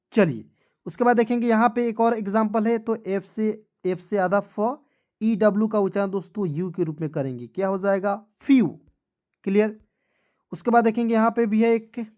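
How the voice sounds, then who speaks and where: A woman's voice: medium pitch, a little mellow, dull audio. A woman teaching English phonics to beginners, spelling words letter by letter, then saying each one and checking that listeners follow.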